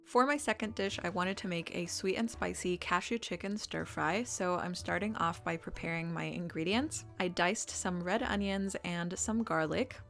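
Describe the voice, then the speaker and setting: A woman's voice: on the low side, normal speed, vocal fry, hardly any pauses, a bit bright, soft background music. A woman in her twenties from Romania, giving a chatty, upbeat voice-over for her own cooking vlog. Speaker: vlogger.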